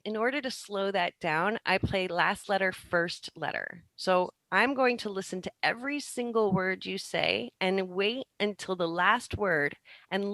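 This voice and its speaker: A woman's voice: medium pitch, vocal fry, pushed and bright, no echo, rough recording. Laughing improv woman, dry sound. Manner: laughs often, encouraging. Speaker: improv performer, guest. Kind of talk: casual chat.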